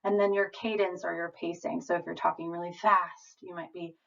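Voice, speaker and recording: A woman trainer giving a calm, reassuring lecture over slides. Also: fairly low pitch, brisk, creaky. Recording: distant, dull lo-fi voice.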